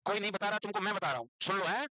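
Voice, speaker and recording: A man with an Indian accent teaching a nursing class online, dictating English definitions slowly and quizzing his students. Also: high voice, pushed and bright, no room sound, poor audio. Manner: teasing, scolds students playfully.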